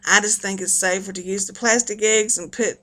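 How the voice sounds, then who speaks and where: A woman's voice: mid-range voice, fairly even intonation, a little fast, pushed and bright. A middle-aged woman with a folksy Appalachian accent, chatting casually and rambling along to her online viewers. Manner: folksy, chatty, laughs often. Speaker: video blogger.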